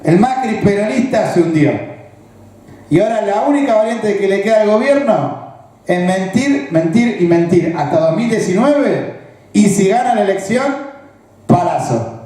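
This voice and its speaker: Man, Rioplatense Argentine accent, political speech, high voice, mellow tone, explanatory, very echoey room. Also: animated, measured pace. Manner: explanatory, asks the audience rhetorical check-in questions. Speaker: political speaker. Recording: very echoey, roomy recording.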